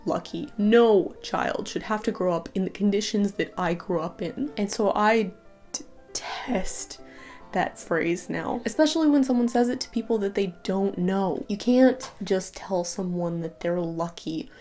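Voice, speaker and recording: A woman's voice: mid-range voice, normal speed, few pauses, dark tone, faint music behind. A young woman talking to camera in a personal vlog, earnest and rambling, tearful at times. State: crying at times. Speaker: YouTuber.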